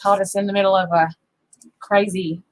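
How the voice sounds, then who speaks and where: A woman's voice: medium pitch, little pitch movement, normal speed, poor audio. A woman co-hosting a casual farm livestream, chatting in a rambling way that drifts into tangents. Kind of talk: casual chat. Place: farm home.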